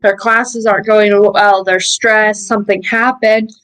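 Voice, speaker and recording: A woman's voice: medium pitch, fairly even intonation, a little slow, fairly bright tone, faint music behind, poor audio. A young woman co-hosting a podcast, chatting in an easygoing, laughing way. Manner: easygoing, laughing, short replies. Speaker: podcast co-host. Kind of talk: casual chat.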